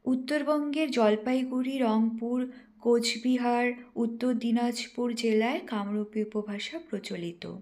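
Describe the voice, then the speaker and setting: Young female trainee teacher, higher-pitched, measured didactic read-through of a lecture. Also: steady tone, a little mellow. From West Bengal, India. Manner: careful and didactic, slows to spell out example words. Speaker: teacher trainee presenting a lesson. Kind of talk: read-aloud lesson presentation.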